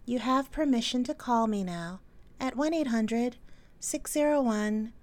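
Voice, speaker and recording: A woman speaks slowly and deliberately in a fairly high voice, lulling and commanding at once. Her delivery is a soothing hypnotic pitch for an adult phone line. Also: a little mellow.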